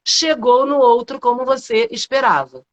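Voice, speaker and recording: A middle-aged Brazilian woman with a slightly high voice, speaking as a public speaking coach in an explanatory way. She keeps posing rhetorical questions and checking in with quick tag questions. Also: lo-fi sound. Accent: Brazilian Portuguese. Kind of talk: explanatory talk in a live interview.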